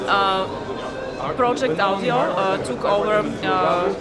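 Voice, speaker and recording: A man who is a non-native English speaker, presenting as a company representative in a halting, hesitant way. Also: high voice. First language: not English. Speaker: company representative at a trade show. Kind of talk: unscripted product presentation. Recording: loud crowd in a public hall.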